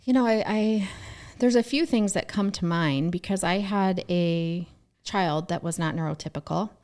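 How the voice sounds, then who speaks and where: A woman co-hosting a casual podcast, a therapist and mother telling lively stories from raising her kids. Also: lowish voice, normal speed. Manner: lively storytelling, acts out her own past remarks.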